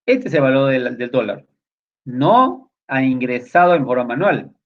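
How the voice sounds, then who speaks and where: A man teaching a spreadsheet class, explaining lively and voicing his students' questions in rhetorical asides. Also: medium pitch, a little slow. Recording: dull lo-fi recording.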